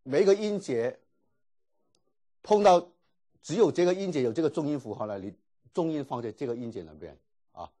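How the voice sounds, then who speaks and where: Husky man teaching Greek, lively pitch. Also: moderate pace, long pauses. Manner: explains patiently with many filler particles. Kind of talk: classroom lecture.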